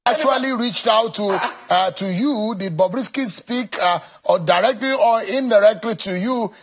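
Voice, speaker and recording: A man's voice: sits high, normal speed, background noise. A man putting formal questions as a broadcast interviewer. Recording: dull lo-fi broadcast sound.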